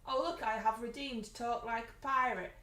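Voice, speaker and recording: A woman's voice: a little high, moderate pace, sharp tone. A woman co-hosting a live stream in casual chat, teasing and chatty. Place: home streaming room. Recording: roomy, distant from the mic, music behind.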